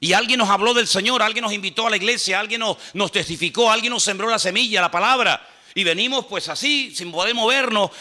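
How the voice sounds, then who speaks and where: A man preaching a sermon as a pastor, animated and humorous, acting out little dialogues. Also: high-pitched. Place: church. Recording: church hall reverb.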